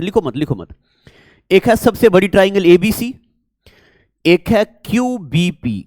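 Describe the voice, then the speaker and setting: Kashmiri-accented guy teaching maths, slow and repetitive, keeps asking the class questions, dry sound. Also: sits high, a little mellow, no echo. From Jammu and Kashmir, India. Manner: repetitive, coaxing, quizzes the viewers. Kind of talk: classroom math lecture.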